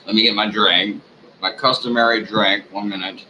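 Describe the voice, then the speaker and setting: A drunk man giving a rambling, off-the-cuff rant to his viewers, swearing often, halting and losing his thread. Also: lowish voice, steady tone, bright, forceful tone, slight background noise, rough recording. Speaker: online ranter, video host.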